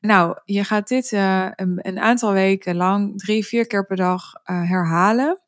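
A woman's voice: medium pitch, measured pace, dry recording, studio quality. A woman co-hosting a podcast, chatty and inquisitive, retelling what she read. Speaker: podcast co-host. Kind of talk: casual podcast conversation.

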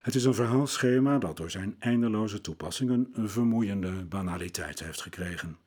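A man presenting a scripted talk on classical music, in a measured, lecturing way. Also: on the low side, darkish tone, breathy edge. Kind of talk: scripted narration.

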